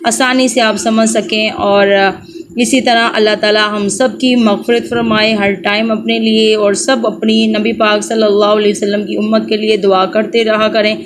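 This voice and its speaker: Woman teacher spelling out arabic letters one by one, drawn out, pretty even level tone. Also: medium pitch, noisy background. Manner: slow, drawn-out letter-by-letter drilling. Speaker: Quran reading teacher. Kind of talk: spelling out letters and reciting verses.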